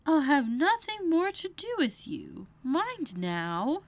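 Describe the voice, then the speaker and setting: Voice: high voice, wildly swooping pitch, slow pace, pitched above the performer's own voice, exaggerated voice. A narrator voicing an earnest, prim and inquisitive young girl in a storybook reading.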